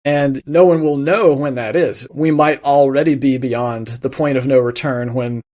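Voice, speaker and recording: A man answering interview questions in a thoughtful, explanatory way, often pausing on fillers and restarts. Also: mid-range voice, fairly even intonation, a little mellow. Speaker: guest on a tech interview.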